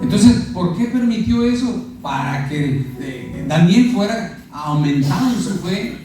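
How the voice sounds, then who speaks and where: A man's voice: high voice, lively intonation, a little slow, mellow, soft background music. A man with a Mexican accent preaching a sermon as pastor, often putting questions to his congregation. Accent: Mexican Spanish. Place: church sanctuary. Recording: echoey church hall from far off.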